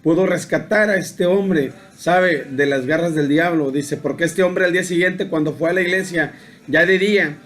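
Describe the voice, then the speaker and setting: A man giving a daily devotional sermon, telling a story in an unhurried, halting way, full of fillers and repeated tag questions. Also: a little high, fairly bright tone. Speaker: preacher.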